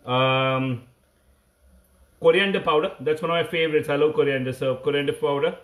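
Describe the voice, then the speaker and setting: A man's voice: on the high side, normal speed. A man in his thirties with an Indian accent, chatting casually as he hosts a live cooking stream, often repeating short phrases. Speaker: cooking livestream host. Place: home kitchen, indoors. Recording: echoey room, phone mic.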